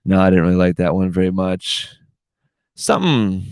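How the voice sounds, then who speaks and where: A man's voice: sits low, completely flat delivery, fairly quick, a little mellow, clear, resonant tone, no echo. A man in his thirties hosting a casual solo podcast, rambling and swearing with "dude" in every line. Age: 30s. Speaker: podcast host.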